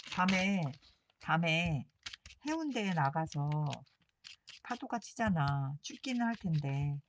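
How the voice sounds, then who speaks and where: A woman's voice: low-pitched, slight background noise. A woman vlogger chatting casually and playfully while she crafts, laughing often. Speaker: journaling vlogger.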